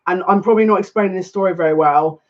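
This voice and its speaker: Man in his thirties, high voice, excitable rambling live chat, dull lo-fi sound. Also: racing. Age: 30s. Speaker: psychic reader. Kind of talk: casual live-stream chat. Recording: dull lo-fi stream audio.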